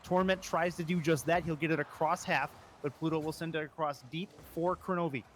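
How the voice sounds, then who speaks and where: High-voiced excitable esports caster. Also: male voice, a little hiss or hum. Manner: rapid, rising to shouts at goals. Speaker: play-by-play caster. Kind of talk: esports play-by-play commentary.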